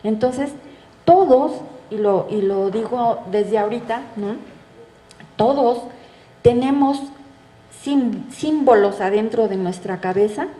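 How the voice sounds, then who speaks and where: A woman's voice: medium pitch, dark tone. Woman lecturing in an echoey room. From Mexico. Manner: conversational, asks the audience rhetorical questions. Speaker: psychoanalyst giving a talk. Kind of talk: public lecture. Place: bookstore event space.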